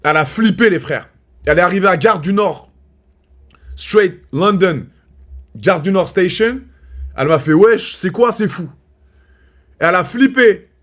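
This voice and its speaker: Young guy streaming, crude jokes, bit of broken english, slightly high voice. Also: lively intonation, normal speed, pauses often, a bit bright. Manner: switches between French and broken English, joking and crude. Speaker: streamer host. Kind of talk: casual live stream chat.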